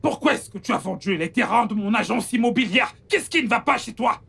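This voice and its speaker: A voice actor in a French film dub playing an angry property owner who shouts and scolds a relative. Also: female voice, on the high side, expressive, takes it slowly, creaky, slightly rough, soft background music, heavily acted. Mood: furious. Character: furious real-estate owner scolding a relative. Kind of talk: dubbed film acting.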